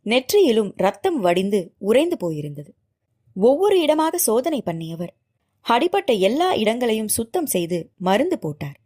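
ஒரு பெண் ஒலிப்புத்தகத்தில் காதல் நாவலை உணர்ச்சிகரமாக நாடகத்தன்மையுடன் வாசிக்கிறார். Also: female voice, fairly high pitch, normal speed. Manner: expressive, dramatic storytelling. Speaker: audiobook narrator. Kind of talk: reading a romance novel aloud.

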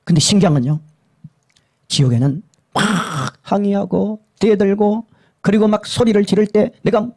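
A male pastor preaching a sermon that recounts a vision, emphatic and repetitive, dropping to hushed lows and rising to urgent highs. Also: moderate pace. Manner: emphatic and repetitive, swinging between low hushed and high urgent tones.

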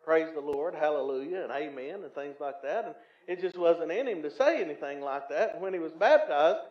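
A male pastor preaching a sermon in a folksy, storytelling way, often restarting with fillers and swelling louder for emphasis. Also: on the high side, lively intonation, fairly quick. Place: church sanctuary. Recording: roomy, slightly dull church recording.

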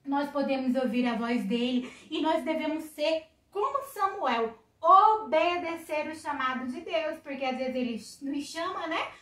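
A woman's voice: high-pitched, expressive, a little slow, hardly any pauses, a bit bright. A young Brazilian woman gives a children's Bible lesson to her little daughter, exclaiming and coaxing in a sing-song way. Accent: Brazilian Portuguese. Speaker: mother teaching a Sunday school lesson. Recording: echoey room, distant mic.

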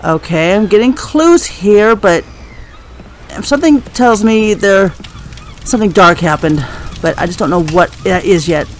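A man with a notably high voice plays through a game and comments casually. He thinks aloud in a hesitant way and reads out the notes he finds. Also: lively intonation, measured pace, slight background noise. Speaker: video game player.

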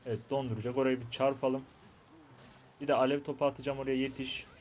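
Excitable young man narrating gameplay. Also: mid-range voice, fast, a little hiss or hum. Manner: chatty, excitable, talks to viewers and to himself while playing. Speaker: gaming YouTuber. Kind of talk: live gameplay commentary.

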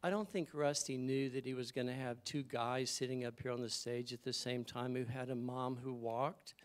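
A man's voice: medium pitch, steady tone, normal speed. Conversational man giving a church sermon. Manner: conversational, illustrative storytelling. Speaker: guest speaker. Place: church service.

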